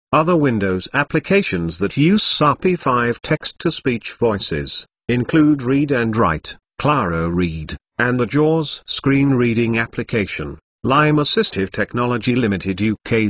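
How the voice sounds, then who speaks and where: This is a synthetic text-to-speech voice of an adult man with a British English accent, reading out a scripted announcement. The computer-made delivery is evenly clipped yet swings widely in pitch. It sounds dry and close, with no room around it. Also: no room sound. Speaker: voice demo announcer.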